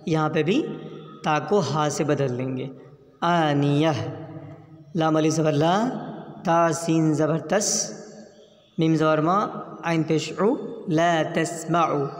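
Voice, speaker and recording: A man's voice: a little high, slow pace, long pauses. A man teaching Quran reading, spelling out each letter and vowel patiently before reciting the whole phrase. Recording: echoey room, long reverb.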